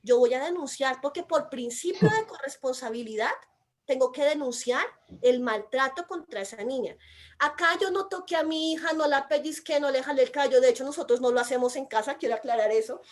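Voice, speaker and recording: A Colombian woman with a Colombian accent speaks in a high voice, explaining a legal text with emphatic, insistent delivery. She sounds naturally loud, as if she is almost shouting, and keeps pressing her points home. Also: brisk. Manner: emphatic, calls herself loud and shrill by nature. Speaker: mother and commentator. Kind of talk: explanatory commentary.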